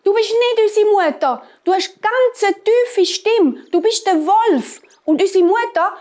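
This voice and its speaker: A chorus of frightened little goat kids with a Swiss German accent, put on by a woman. They squeal in high, bright voices and push hard at the edge of their range. It is a storybook reading. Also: animated, measured pace. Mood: alarmed.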